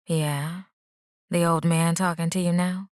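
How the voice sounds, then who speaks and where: A woman's voice: on the low side, little pitch movement, measured pace, a little mellow, no echo, clean studio sound, close to an everyday voice. A woman voicing a nosy young female cousin in an audiobook, with playful, sly teasing.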